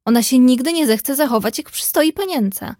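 Lady reading as a sighing big sister, soft and a bit high, dry close sound. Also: lively intonation, moderate pace, dry recording. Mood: disapproving. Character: sensible older sister, sighing and disapproving.

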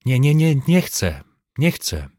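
A man voicing a tormented young gentleman who speaks with a raised, urgent voice. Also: mid-range voice, big pitch swings, slow, no echo, studio quality, pitched above the performer's own voice. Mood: desperate refusal. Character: young gentleman, tormented, then angry and commanding.

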